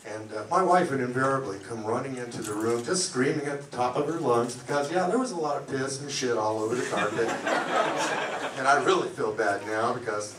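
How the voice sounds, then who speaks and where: Deadpan stand-up comedian in echoey club. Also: male voice, mid-range voice, brisk, far from the mic. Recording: echoey club, mic heard from afar, loud noise. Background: audience laughter.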